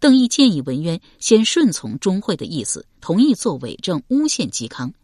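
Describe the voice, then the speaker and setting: A woman narrating an audiobook novel in an expressive, scripted storytelling style. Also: on the low side, moderate pace, slightly rough, no room sound, studio quality.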